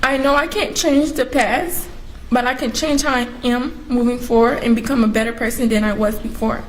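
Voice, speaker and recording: Young female defendant, tearful apology statement, higher-pitched, faint courtroom noise. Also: fairly even intonation, normal speed. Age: teens to young adult. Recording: noisy courtroom audio.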